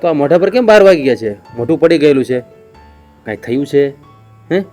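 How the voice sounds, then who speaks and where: A man's voice: fairly high pitch, lively intonation, a little fast, a little mellow, soft background music, natural voice. An actor playing a caring young husband, coaxing his wife to tell him what is wrong. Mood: concerned, coaxing. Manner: coaxing, keeps asking "eh?". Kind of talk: family drama acting.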